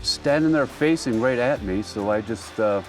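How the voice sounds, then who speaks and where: A man recounting his shot on a hunt in a calm, plain way. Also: medium pitch, moderate pace, far from the mic, soft background music. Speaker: hunting client. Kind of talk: casual hunting show talk.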